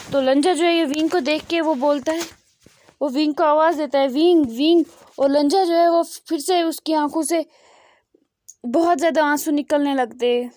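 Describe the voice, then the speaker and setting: High-voiced woman retelling a fan story. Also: mellow, no room sound, clean studio sound. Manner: loose spoken retelling with frequent fillers and restarts.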